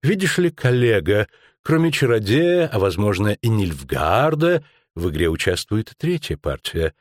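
A shrewd, ironic lawyer-investigator, voiced by a man in an audiobook. He lectures with mocking, drawn-out emphasis, his pitch rising and falling freely. The voice sits fairly low and sounds close and dry. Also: very animated, dry recording. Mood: explaining. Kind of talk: audiobook acting.

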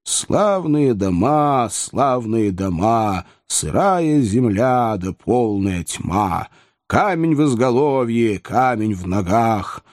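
A man voicing a gloomy gravedigger who mockingly half-sings his lines slowly in an audiobook reading. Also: medium pitch, slightly rough, pitched above the performer's own voice, full character voice. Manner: mocking, slow, half-sung. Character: grim, gloomy male gravedigger, middle-aged.

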